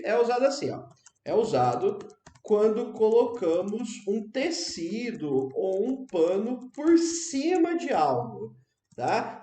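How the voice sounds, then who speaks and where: Portuguese-speaking guy teaching english, chatty, keeps asking if you got it, slightly high voice, echoey room. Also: darkish tone. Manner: chatty, checks in with "tá, gente?", repeats phrases slowly for drills. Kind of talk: casual explanatory lesson. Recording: roomy, echoey room sound.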